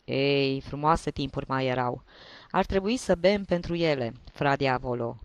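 A man's voice: mid-range voice, lively intonation, no echo, highs cut off, close to an everyday voice. A man voicing a tipsy old male journalist with a reedy tenor voice, giving rambling, sentimental toasts. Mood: nostalgic.

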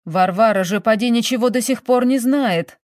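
A woman's voice: on the high side, normal speed, a little mellow, dry recording, lightly acted. A woman reading a story, voicing a dry, terse old male butler who answers in short, grumbling phrases. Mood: fretful. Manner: curt and grumbling.

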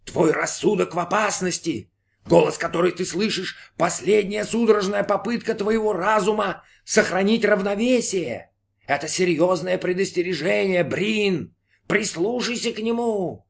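Guy putting on a creepy mocking voice inside someone's head, pushy and shrill, pitched up high. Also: moderate pace, vocal fry. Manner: taunting, shrill and urgent. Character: eerie mocking male inner voice, insistent.

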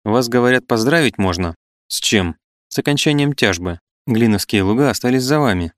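A man reading the part of a genteel young married woman, polite and gently reproachful. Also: medium pitch, lively intonation, brisk, dry recording, studio quality, close to an everyday voice.

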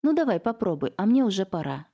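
A woman voicing a flustered middle-aged aunt who is evasive and frightened, talking in a high, strained voice. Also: normal speed, warm tone, close to an everyday voice. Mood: falsely cheerful. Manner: chattering falsely cheerful, then tearful and pleading.

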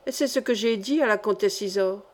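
A woman's voice: medium pitch, brisk, darkish tone, natural voice. A woman reading the part of a timid, pious young girl with a childlike, innocent manner in an audiobook. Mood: earnest.

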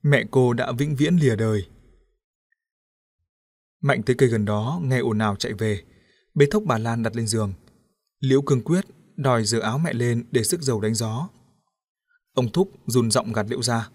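A man narrating an audiobook story in a steady, even storytelling manner. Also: mid-range voice, normal speed, pauses often.

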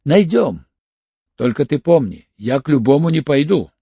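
A sly, wary older male crook, as an audiobook reader puts him on bargains in a hoarse, cagey voice. The pitch moves around freely, and the recording sounds muffled and dry. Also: big pitch swings, moderate pace, mellow, no room sound, heavily acted. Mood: cagey, bargaining.

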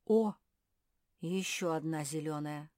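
A woman's voice: low voice, takes it slowly, darkish tone, dry recording, studio quality. A woman voicing an eager, easily offended young female cat in a children's audiobook. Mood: surprised.

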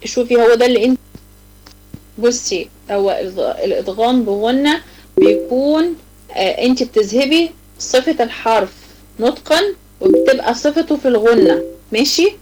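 A woman with an Egyptian Arabic accent teaching a live online tajweed lesson to girls. She explains each rule step by step, asks her students questions, and recites the examples slowly and drawn out. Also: a little high, a little mellow, rough recording.

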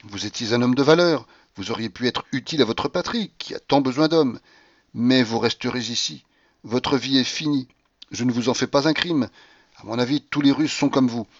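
A man reading the part of an earnest, stern English gentleman, speaking in a solemn, lecturing way. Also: medium pitch, normal speed, dry recording, muffled recording, close to an everyday voice. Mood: reproachful.

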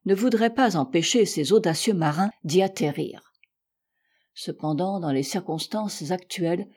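A woman narrating a classic adventure novel as an audiobook, measured and expressive, with dramatic rises in her voice. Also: on the low side, breathy edge. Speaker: audiobook reader.

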